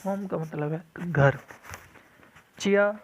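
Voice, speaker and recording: A man's voice: a little high, steady tone. A man teaching vocabulary, repeating each new word several times in a firm drill and mixing English glosses into his explanations. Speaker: language teacher. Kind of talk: vocabulary lesson. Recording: dull lo-fi recording.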